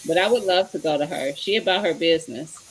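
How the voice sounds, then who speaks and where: A woman's voice: low voice, quick pace, husky. A woman hosting a casual livestream, chatting with viewers by name and rummaging around her kitchen as she talks. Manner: chatty, greets viewers by name, searches while talking. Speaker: livestream host.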